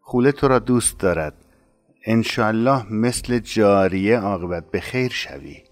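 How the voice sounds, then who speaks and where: A man playing a kind, honorable middle-aged master of a household in a narrated story, speaking slowly and gently. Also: fairly low pitch, soft background music, close to an everyday voice. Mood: gentle.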